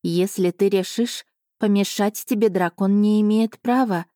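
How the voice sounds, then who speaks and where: A woman reading an audiobook voices an ancient female island spirit who speaks slowly and solemnly, imploring for help. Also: mid-range voice, dark tone, no room sound, clean studio sound, lightly acted. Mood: solemn earnest. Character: ancient female island spirit, pleading, gentle yet sorrowful.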